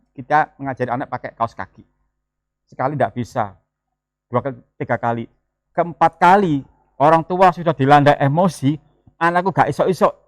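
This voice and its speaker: A man, preaching a sermon in a lively, joking way and mixing in words. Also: fairly high pitch, no room sound, clean studio sound. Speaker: pastor. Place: church.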